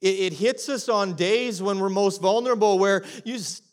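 Male pastor, fairly high voice, earnest sermon delivery with dramatized prayers and quiet hushed stretches. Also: normal speed. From Canada. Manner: earnest, acts out prayers, drops to a soft hush.

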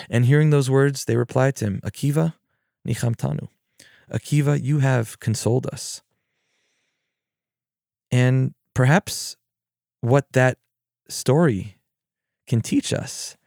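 A man, a therapist and podcast host, giving a gentle, reflective mindfulness talk and telling stories. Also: medium pitch, vocal fry, dry recording, clean studio sound.

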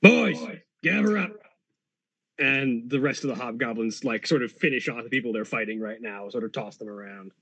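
A man runs a tabletop game, improvising narration at a middle pitch. The recording is dry, with little room sound. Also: fairly even intonation, fairly quick, few pauses, bright, forceful tone, dry recording. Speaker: game master.

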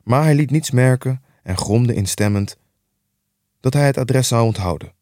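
A man reading a literary excerpt aloud in a calm, even storytelling manner. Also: medium pitch, normal speed, no room sound, studio quality.

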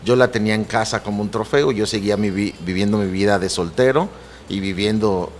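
A man's voice: on the low side, fairly quick, slight background noise. A middle-aged man, a pastor earnestly telling his personal testimony and quoting scripture. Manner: earnest, preacherly, quotes scripture.

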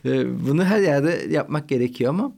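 A man's voice: fairly high pitch, lively intonation, brisk, gravelly, a little mellow. A man hosting a podcast, chatting casually and teasing his guest with frequent laughter. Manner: playful, teasing, laughs often. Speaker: podcast host. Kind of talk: casual chat.

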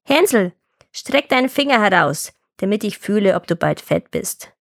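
A woman's voice: a little high, expressive, normal speed. A woman voicing a wicked old witch. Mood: harsh commanding. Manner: gruff, scolding, bossy. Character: wicked old child-eating witch, cunning and harsh. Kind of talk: storybook reading.

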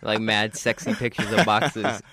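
A man's voice: lowish voice, steady tone, measured pace, bright, forceful tone. A young man, chatting casually with laid-back slang and jokes. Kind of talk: casual joking chat.

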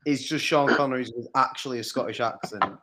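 A man's voice: mid-range voice, brisk, a crowd in the background. A man co-hosting a casual film podcast, blunt and swearing often. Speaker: podcast co-host.

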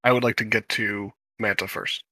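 A man's voice: on the low side, level tone, moderate pace, sharp tone, dry recording. A man playing a tabletop game, speaking hesitantly and stumbling over his words. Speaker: player.

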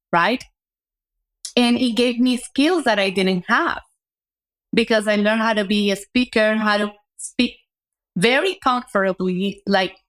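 A woman guest entrepreneur speaks in a mid-range, fairly bright, clean voice. She reflects on her career through conversational interview storytelling, often punctuating it with "right?".

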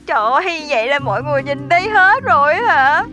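A woman's voice: high-pitched, animated, fast talker, pushed and bright, soft background music. A woman playing a dramatic young woman. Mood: dejected. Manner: mixes in English phrases, dramatic.

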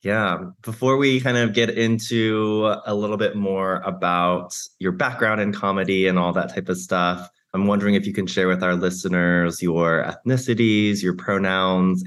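Man, podcast host, lowish voice, relaxed, casual, reads the intro. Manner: relaxed, filler-heavy, reads the intro a little slowly. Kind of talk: casual interview hosting and reading a bio.

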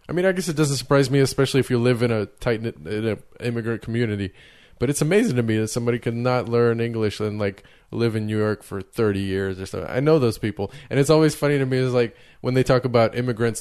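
A man's voice: medium pitch, darkish tone, clear, resonant tone. A man talking casually with friends, rambling and agreeable, backing up often. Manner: rambling, many fillers and restarts, agreeable. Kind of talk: casual chat.

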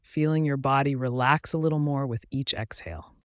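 A man guiding a relaxation meditation in a calm, soothing, measured way, giving instructions with pauses. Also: medium pitch, no echo, clean studio sound. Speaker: meditation guide. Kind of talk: guided relaxation meditation narration.

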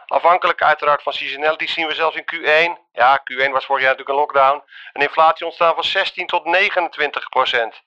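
A man's voice: on the high side, fairly even intonation, bright, forceful tone, smooth. Een man die een gehaaste zakelijke voicemail inspreekt, afgespeeld via een telefoon. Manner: brisk business update, hurried. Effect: voicemail message played back from a phone. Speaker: colleague leaving a voicemail. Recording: muffled phone voicemail playback.

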